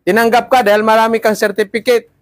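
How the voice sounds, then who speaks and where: A man's voice: high voice, little pitch movement, quick pace, dry recording. A man teaching a class of seafarer trainees, lecturing and often checking in with "ha?" and "di ba?". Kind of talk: classroom talk.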